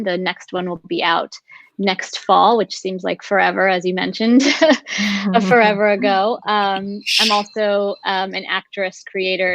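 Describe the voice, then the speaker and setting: A woman, an author and actress, speaking in an unhurried, relaxed way on a video call panel. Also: medium pitch, no echo. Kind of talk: panel discussion. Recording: dull, dry call audio.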